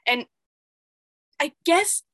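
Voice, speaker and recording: A woman talking live on a stream, rambling and reflective, thinking out loud with lots of filler words. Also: drawn-out words, no echo, poor audio. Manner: reflective, self-examining. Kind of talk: unscripted live-stream talk.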